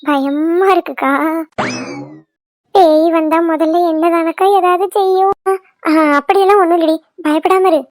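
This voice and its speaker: A high-voiced, fretful older village woman, played by a woman, gossips. She talks in a chatty, anxious cartoon manner. The recording is dry and close. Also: fairly even intonation, normal speed, long pauses, a little mellow, no echo. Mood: fearful.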